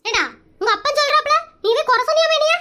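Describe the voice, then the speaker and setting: A woman's voice: extremely high pitch, fast, sharp tone. A woman voicing a strict, bossy village mother and wife in a cartoon comedy, scolding in a rural Tamil Nadu accent. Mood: stern.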